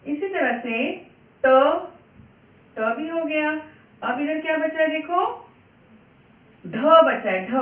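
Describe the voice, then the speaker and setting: Female primary teacher, high voice, slow and patient, repeats words for kids, dull echoey recording from a distance. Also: fairly bright tone. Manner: patient, repeats words slowly, asks and answers own questions. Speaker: primary school Hindi teacher. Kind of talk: children's online lesson.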